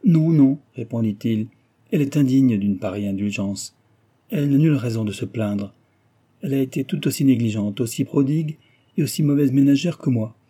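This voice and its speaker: A man voicing a bitter, proud and agitated ruined gentleman in an audiobook, speaking in a raised, vehement way with a husky voice. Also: mid-range voice, brisk, natural voice. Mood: indignant. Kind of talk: audiobook character reading.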